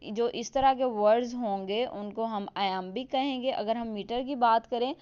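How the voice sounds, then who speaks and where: A woman explaining a literature lesson in Hindi-Urdu mixed with English terms, reading definitions slowly. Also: a little high, darkish tone, smooth. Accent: Indian or Pakistani. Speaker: teacher. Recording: dull lo-fi sound.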